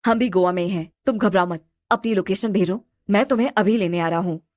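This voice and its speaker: A woman voicing a protective, quick-tempered young husband in an audio drama, speaking firmly and commandingly. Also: medium pitch, a little mellow, no room sound, clean studio sound, close to an everyday voice. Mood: concerned. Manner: firm, commanding.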